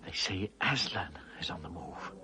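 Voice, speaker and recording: An actor playing a fussy, kindly, secretive talking beaver who repeats himself and gives urgent warnings in a children's fantasy drama. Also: male voice, medium pitch, sing-song, a little fast, background noise. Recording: music behind the voice.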